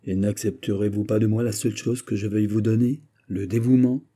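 A man voicing an anxious, devoted noble marquise who speaks in a hushed, pleading way. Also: fairly low pitch, fairly even intonation, brisk, lightly acted. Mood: earnest.

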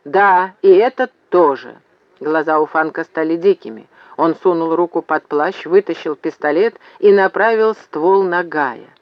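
A man narrates an audiobook in a steady storytelling manner. His voice sits a little higher than most men's. The recording is dry and sounds slightly dull. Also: normal speed, hardly any pauses, no echo. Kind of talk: scripted narration.

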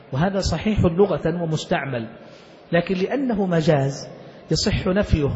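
Guy teaching a jurisprudence class, higher voice, asks his students questions, dull lo-fi recording with long reverb. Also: darkish tone, a little hiss or hum. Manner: explains step by step, posing questions to students. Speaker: sheikh teaching Islamic jurisprudence. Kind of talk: classical Arabic lecture explaining a text.

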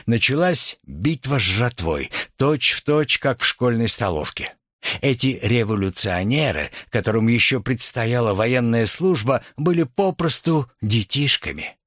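A man narrating a novel as an audiobook in an expressive, dramatic storytelling manner. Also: medium pitch, unhurried, no room sound, studio quality.

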